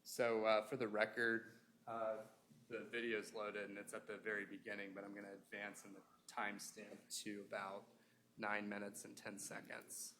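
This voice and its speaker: A man questioning a witness as a prosecuting attorney in a courtroom, in a formal, procedural and halting way. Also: on the low side, completely flat delivery, a bit bright. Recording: noisy courtroom pickup with room ambience.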